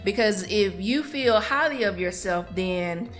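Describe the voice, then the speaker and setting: A woman co-hosting a casual podcast chat, making her points with emphatic, drawn-out explanations. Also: medium pitch, lively intonation, soft background music. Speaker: podcast co-host.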